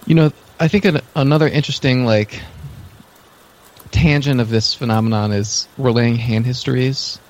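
A man's voice: mid-range voice, normal speed, dull audio. A man chatting casually in an amused, joking way. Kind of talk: casual chat.

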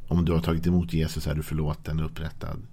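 A male pastor giving a gentle, conversational devotional sermon that speaks directly to the listener. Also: rumbling low, completely flat delivery, husky.

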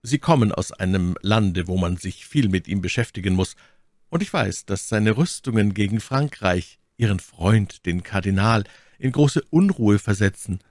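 A man's voice: fairly low pitch, lively intonation, a little mellow, no echo, studio quality, close to an everyday voice. A man doing a cold, mocking lord. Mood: ironic. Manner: coolly sarcastic, measured threats. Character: cold, mocking English lord, calm and menacing. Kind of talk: audiobook character reading.

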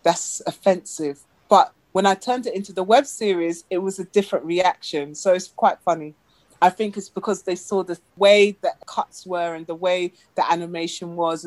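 A lively woman with an English accent tells stories as a guest in a casual interview, acting out the voices of the people she quotes. Her voice sits on the lower side, and there's no room sound.

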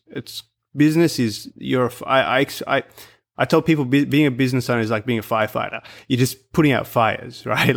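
Male host, average pitch, casual and meandering. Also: creaky. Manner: hesitant, thinking aloud. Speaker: podcast host. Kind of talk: casual interview.

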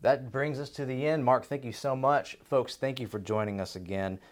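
A man's voice: medium pitch, steady tone, moderate pace. A man hosting a radio show, asking questions and summing up in a conversational style.

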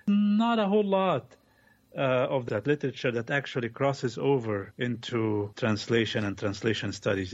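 A man, a translation scholar, talking in a conversational interview, lively and opinionated with quick asides. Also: mid-range voice, muffled recording.

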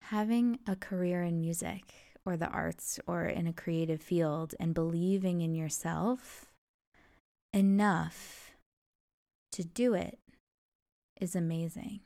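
Slow and steady, with a dark tone on the low side, a young adult woman delivers a reflective monologue on her solo podcast. She sounds earnest and encouraging.

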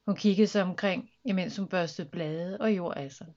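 A woman's voice: on the low side, highs cut off. Woman reading a children's story. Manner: lively, expressive reading.

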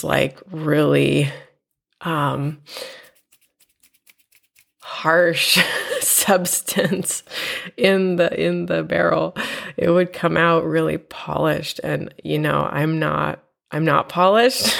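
A woman hosting her own podcast from home, talking in a reflective, unhurried way with a nasal voice from a cold. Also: deep voice, creaky. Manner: reflective, unhurried, with fillers and soft laughs. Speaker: podcast host and teacher. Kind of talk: personal podcast monologue. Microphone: home podcast mic.

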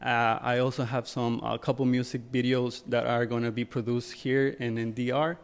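A young photographer from Ecuador is a relaxed, easygoing guest on a casual podcast interview. Speaking at normal speed with an ordinary mid pitch and a clean tone, he fills his sentences with "like" and "you know," repeating himself and restarting often.

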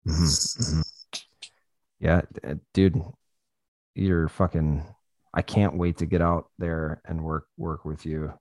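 A man's voice: a bass voice, flat delivery, slow pace, long pauses, darkish tone, no echo. A man telling stories in casual chat, loose and profane, laughing often as he talks.

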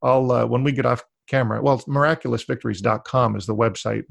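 A male interview host with a gravelly, fry-edged voice, recorded dry and close. He rambles warmly through his questions, with lots of fillers and restarts. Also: mid-range voice, fairly even intonation, fast, no room sound. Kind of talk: casual interview conversation.

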